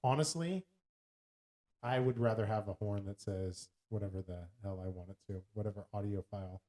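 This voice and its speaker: A man's voice: lowish voice, moderate pace. A man co-hosting a podcast in casual, playful chat, putting on voices when he quotes things. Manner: playful, jokey, animated when quoting. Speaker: podcast co-host.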